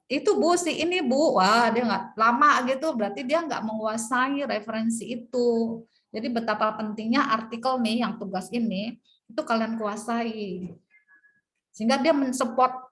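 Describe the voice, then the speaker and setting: A middle-aged woman lecturing a university class, reading English slide points slowly and then explaining them in lively, conversational talk. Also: on the high side, poor audio. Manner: animated, reads English slides slowly then explains, acts out students' replies.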